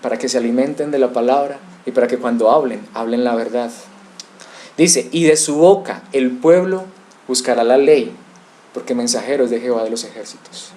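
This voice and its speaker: A man's voice: medium pitch, fairly even intonation, fairly quick, a little mellow. A male pastor preaching an expository sermon, asking rhetorical questions and addressing the congregation directly.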